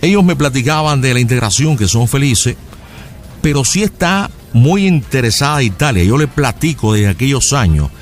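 Cuban surgeon type, guy putting it on, swoopy pitch, polite, hesitates a lot. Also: animated, moderate pace, close to an everyday voice. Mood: smooth, courteous. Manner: formal, rambling, many hesitations. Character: smooth-talking male Cuban surgeon, middle-aged, overly polite. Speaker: prank caller. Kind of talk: prank phone call role-play.

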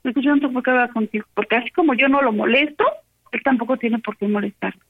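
A woman's voice: on the high side, quick pace, husky. A woman with a Mexican Spanish accent, upset and agitated, telling a friend over the phone about an argument and acting out both sides. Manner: animated storyteller, quotes both sides. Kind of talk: casual phone chat, retelling an argument. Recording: tinny phone line.

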